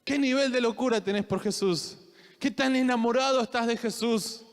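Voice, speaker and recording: Young male preacher, Rioplatense Spanish accent, very high voice, sermon that builds to shouting, recorded in a reverberant church hall. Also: moderate pace, a little hiss or hum. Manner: voseo, questions to the congregation, builds to shouted fervor.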